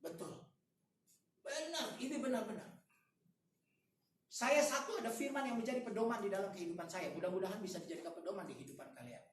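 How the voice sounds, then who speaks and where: A man preaching a sermon at a prayer meeting, animated and full of rhetorical questions and slangy asides. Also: sits high, quick pace, long pauses. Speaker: evangelist preacher. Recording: echoey room, distant mic, faint noise.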